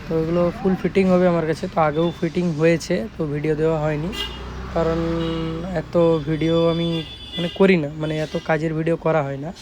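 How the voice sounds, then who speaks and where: A shop owner from West Bengal, India, speaking with a Bengali accent, casually shows off his work in emphatic, repetitive sales talk. His voice is fairly high and his delivery flat and fairly quick. Background noise can be heard.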